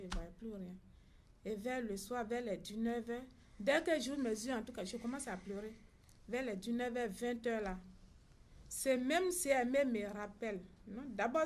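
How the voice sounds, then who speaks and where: A woman's voice: a little high, darkish tone. A middle-aged woman with an Ivorian French accent, a mother recounting events at a press conference and acting out the dialogue she reports. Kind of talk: personal account at a press conference.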